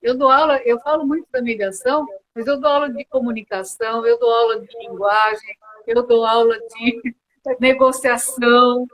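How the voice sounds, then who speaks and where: A woman's voice: fairly high pitch, steady tone, normal speed, a bit bright, low-quality recording. A Brazilian woman mediator answering interview questions earnestly, often restarting with hesitant fillers, on a video call. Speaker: mediator and guest.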